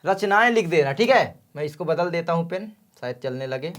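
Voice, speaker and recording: Man, young, high voice, sore throat, friendly exam coaching, direct. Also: expressive, normal speed. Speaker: exam-prep teacher. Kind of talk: casual exam coaching lesson.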